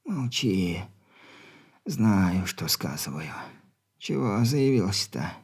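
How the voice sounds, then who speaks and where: A man voicing a creaky dying old man. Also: lowish voice, big pitch swings, full character voice. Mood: stern, weary. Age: older. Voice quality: creaky, breathing heavily. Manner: slow, quiet, weary. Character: dying old bedridden man, calm, stern. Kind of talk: audiobook reading.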